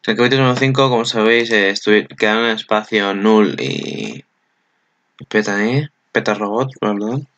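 A man's voice: fairly low pitch, lively intonation, moderate pace, a bit bright, no echo, lo-fi sound. A young man from Spain with a Spanish accent, giving casual, rambling commentary on an anime preview with lots of filler tags.

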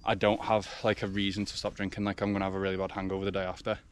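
Lowish-voiced young Englishman vlogging outdoors. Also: monotone, rapid-fire. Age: 20s. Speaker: fitness vlogger. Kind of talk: casual vlog chat. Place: outdoors in a forest. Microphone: action camera. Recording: faint outdoor background noise.

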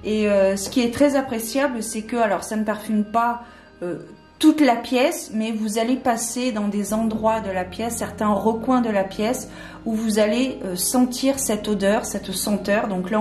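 A woman's voice: mid-range voice, a little mellow. A woman chatting casually through a candle unboxing, hesitant and full of fillers. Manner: hesitant, many fillers and restarts. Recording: echoey room with faint music.

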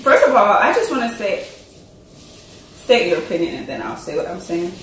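A woman hosting a casual chat over a meal, chatty and excitable, laughing often. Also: lowish voice, moderate pace, a little hiss or hum. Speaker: host. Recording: echoey room, mic far off.

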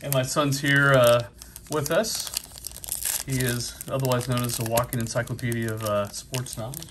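A middle-aged man with a New England accent talks casually and upbeat, peppering his speech with fillers. His voice sits at an ordinary pitch. A faint murmur of a convention hall sits behind him. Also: steady tone, moderate pace, background noise. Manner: chatty, many fillers, upbeat. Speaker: card collecting vlogger. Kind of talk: casual pack-opening commentary.

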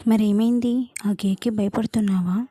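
A woman's voice: mid-range voice, steady tone, normal speed, dark tone, dry recording, close to an everyday voice. A woman voicing a caring young girlfriend who asks questions in a doubtful, teasing way. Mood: concerned.

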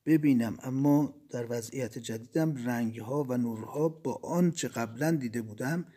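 A man reading the part of a dead engineer who calmly recounts leaving his body. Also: medium pitch, close to an everyday voice. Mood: reflective. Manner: measured, reflective storytelling.

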